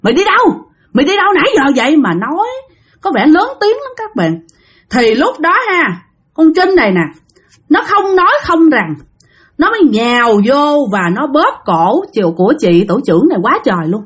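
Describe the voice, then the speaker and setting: Lively Southern Vietnamese woman storyteller. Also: sits high, moderate pace. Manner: chatty, addresses listeners directly. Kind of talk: spoken ghost story narration.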